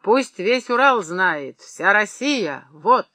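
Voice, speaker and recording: A male audiobook reader voicing a drunk, boastful rich old gold-mine owner who talks loudly and swaggers. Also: sits high, very animated, slow pace, no echo, clean studio sound, exaggerated voice. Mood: swaggering. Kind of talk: audiobook character voice.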